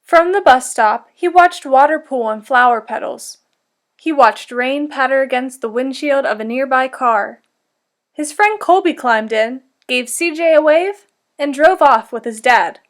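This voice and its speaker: A woman teacher reads a storybook aloud to children interactively, in a deliberate, instructive manner. Her voice sits high and is expressive.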